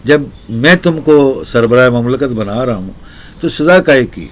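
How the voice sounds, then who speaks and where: A man's voice: medium pitch, lively intonation, lightly acted. A man voicing a wise, generous king who lectures and praises a poor laborer in long, repetitive lists. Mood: reassuring. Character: generous wise old king, kindly and commanding.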